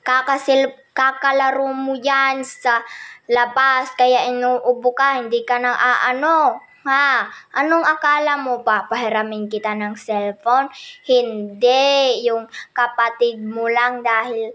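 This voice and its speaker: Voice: medium pitch, steady tone, slow pace, sharp tone. A child acting out a bossy mother who scolds her kids in a homemade comedy skit. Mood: scolding. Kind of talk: comedy skit with one performer doing every role.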